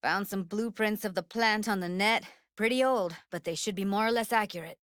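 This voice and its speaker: A woman with an American accent voices a streetwise, guarded young techie in naturalistic video game dialogue, blunt and slangy. Her mid-range, fairly bright natural voice moves at a moderate pace in a dry recording, sounding focused and dry in mood.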